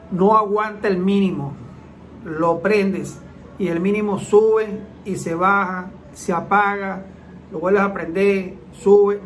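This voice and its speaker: A man's voice: high voice, fairly bright tone, a little hiss or hum, low-quality recording. A man, a transmission mechanic, hosting his channel and explaining engine faults to viewers in plain, repetitive casual talk. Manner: repetitive, plain-spoken, acts out engine sounds.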